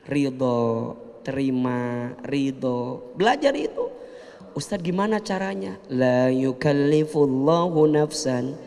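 A man with a high, bright voice delivers a heartfelt sermon, dropping to a soft hush and then rising to loud appeals. His voice rings out with a long reverb, as from a big hall. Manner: emotive preaching, swings between soft and loud. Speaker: preacher.

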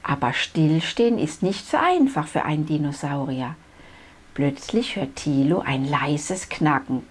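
A woman's voice: low-pitched, lively intonation, a little slow, husky. Woman reading a picture book aloud. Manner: warm, chatty asides to young listeners. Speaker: children's book reader.

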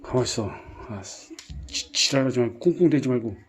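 Gruff exasperated man scolding, swearing. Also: mid-range voice, lively intonation, a little fast, soft background music. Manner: repetitive commands, sighing. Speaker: vlogger caring for puppies. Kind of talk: casual scolding monologue.

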